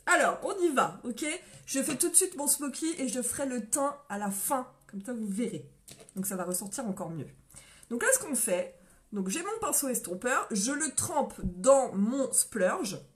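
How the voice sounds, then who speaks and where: A woman's voice: on the high side, big pitch swings, normal speed, a bit bright. A woman from France doing a casual live makeup tutorial, chatty and friendly, greeting viewers by name and laughing often, a little winded and coughing after a run.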